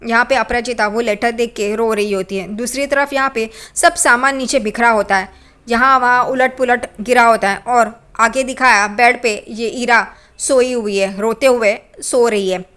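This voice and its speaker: High-voiced woman retelling a serial. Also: steady tone, moderate pace, a bit bright. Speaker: serial recap narrator. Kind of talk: storytelling recap.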